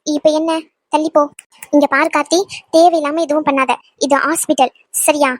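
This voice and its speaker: A woman's voice: high voice, fairly even intonation, moderate pace, no echo, natural voice. A woman voicing a young woman who firmly tells a pushy ex-lover to back off, in a cartoon dub. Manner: firm, scolding. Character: young woman turning away her pushy ex.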